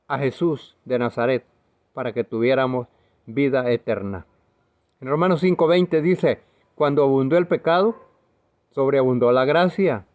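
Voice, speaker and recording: Earnest preaching man, lo-fi audio. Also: medium pitch. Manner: earnest, emphatic preaching with slips and self-corrections. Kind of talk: video sermon.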